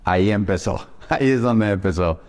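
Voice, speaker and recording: A man's voice: lowish voice, moderate pace, darkish tone, in a large hall. A man, a pastor from the United States, telling his personal testimony in an earnest, emotional way.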